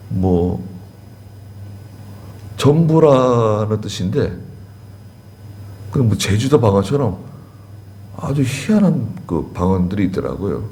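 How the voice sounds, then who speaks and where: A man's voice: medium pitch, darkish tone. A man pastor preaching a sermon in a conversational way, repeating key words and asking the congregation questions. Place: church sanctuary.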